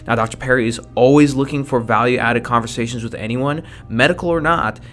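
A man's voice: mid-range voice, fairly quick, fairly bright tone, soft background music. A man reading a scripted podcast introduction. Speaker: podcast narrator.

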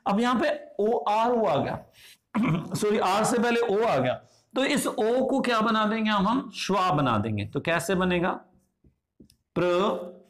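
A man with an Indian accent teaching English phonetics. He goes slowly and deliberately, asking questions and answering them himself. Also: high-pitched, big pitch swings, fairly bright tone. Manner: slow, deliberate, asks and answers his own questions. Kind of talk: classroom-style lesson explanation.

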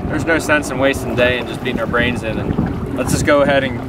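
A young man chatting casually to a handheld camera outdoors and then on a boat, relaxed and rambling with plenty of "uh" and "you know". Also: mid-range voice, fast talker. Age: young adult. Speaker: fishing vlogger. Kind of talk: casual vlog narration. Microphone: handheld camera close to face, later camera mounted on boat. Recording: noisy outdoor camera audio. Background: wind, engine and water noise.

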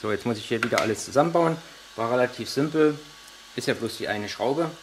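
A man's voice: mid-range voice, animated, fairly quick, noisy background. A man giving a hands-on tutorial on a model truck, explaining each step while he handles the parts, with frequent hesitations. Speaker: RC model reviewer.

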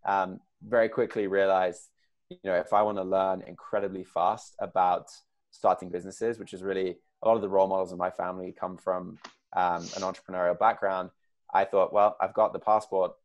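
A late-twenties man from England, co-founder of a startup, answers interview questions in a measured manner, using fillers and restarting sentences. His voice sits low and his delivery is flat.

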